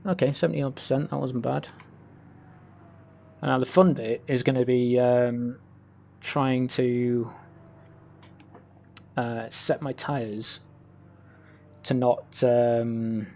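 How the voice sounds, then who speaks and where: A man's voice: medium pitch, fairly even intonation, takes it slowly, gravelly, pauses often, dark tone. A man doing casual live commentary while playing a racing game, with understated, self-deprecating asides. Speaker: sim racing streamer. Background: racing car engines from the game.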